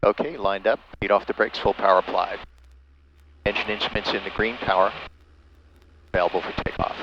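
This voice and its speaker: A low-pitched man makes air traffic control radio calls as a pilot. He speaks in measured, procedural readbacks and callouts, with clear aircraft noise in the cockpit recording. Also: steady tone, highs cut off. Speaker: pilot, video host. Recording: noisy aircraft cockpit audio.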